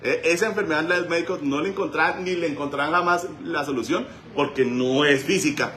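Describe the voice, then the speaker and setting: A man, a pastor preaching a sermon in a church and telling stories with sudden shouts. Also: on the high side, brisk. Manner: animated storytelling, voice rising to shouts. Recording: echoey church room.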